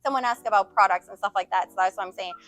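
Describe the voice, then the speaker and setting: A woman's voice: medium pitch, no room sound. A woman raised in the United States, chatting casually and animatedly as a guest answering viewer questions. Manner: animated, quick storytelling with emphatic swings. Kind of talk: casual chat.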